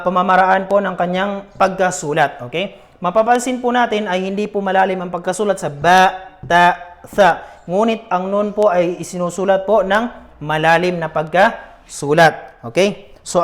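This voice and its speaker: A man teaching a beginner Arabic lesson, patiently repeating each letter sound and checking in with his students. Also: high voice.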